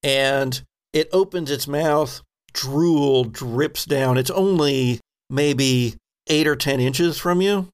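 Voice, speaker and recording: This man, serving as game master for a tabletop RPG, improvises his narration conversationally in a medium-pitched voice, stopping now and then while he describes things.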